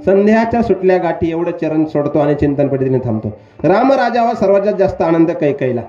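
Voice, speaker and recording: A high-voiced man preaching a devotional kirtan sermon and keeps putting questions to his listeners. His voice rings through an echoey hall on a slightly dull recording. Instrument music plays clearly behind him. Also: fairly quick. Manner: animated, questioning the audience.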